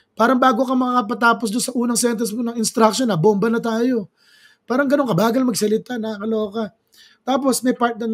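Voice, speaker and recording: A man from the Philippines giving chatty, dramatic commentary as a video blogger, exclaiming often and mixing in English phrases. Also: extremely high pitch. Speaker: political commentary vlogger. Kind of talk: casual commentary.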